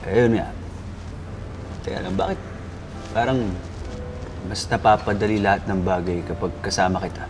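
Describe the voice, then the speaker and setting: A man's voice: low-pitched, normal speed, long pauses, background noise, natural voice. A man playing a goofy, charming young man on a date who jokes around and fumbles his words. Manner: playful, joking, stumbling over words. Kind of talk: TV comedy drama acting. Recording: strong background music score.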